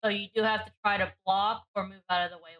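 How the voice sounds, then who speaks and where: A woman's voice: mid-range voice, fairly even intonation, fast talker, a bit bright, muffled recording. A woman on a game stream casually passing on details she has looked up. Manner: reports looked-up facts plainly. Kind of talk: casual chat. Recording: game music playing behind.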